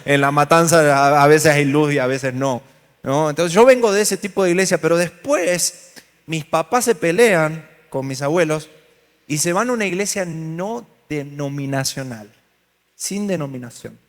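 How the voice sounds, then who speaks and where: Speaking at a normal speed in a fairly high voice, this man runs a church workshop for an audience gathered in a big hall. He has an Argentine Spanish accent and keeps things lively with jokes, stories, and questions for the congregation, all with audible hall reverb.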